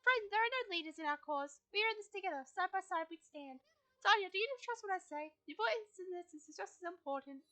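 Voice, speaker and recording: Woman doing ancient cosmic blue spirit, solemn, measured, high bright voice. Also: lively intonation, heavily acted.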